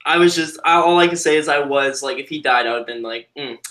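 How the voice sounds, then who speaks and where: A man's voice: a little high, fast talker, fairly bright tone, a little hiss or hum. A man chatting casually as a guest on a live stream, rambling and cutting himself off mid-thought. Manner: rambling, self-interrupting. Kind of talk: casual chat.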